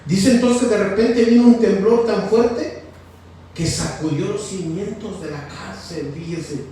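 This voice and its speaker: Man, preacher, sermon, questions the congregation, repeats "fíjese", high voice, very echoey, distant mic. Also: dark tone, a little hiss or hum. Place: church hall. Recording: very echoey, from far off.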